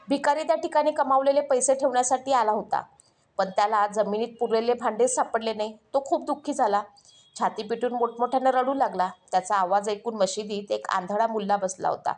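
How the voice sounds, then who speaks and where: A woman storyteller narrating a moral story in a steady manner. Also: on the high side, fairly quick.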